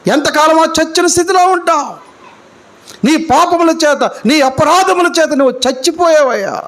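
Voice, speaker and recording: A man delivers a live church sermon at normal speed, hurling rhetorical questions at the congregation. His delivery swings between loud, emphatic lines and quiet, low ones.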